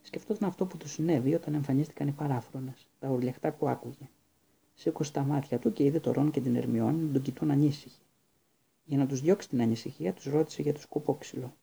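A man narrating an audiobook in a calm, measured way. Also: medium pitch, gravelly, breathy edge. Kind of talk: scripted narration.

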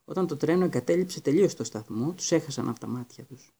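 A man narrating an audiobook in a steady, even storytelling manner. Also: fairly high pitch, gravelly, husky.

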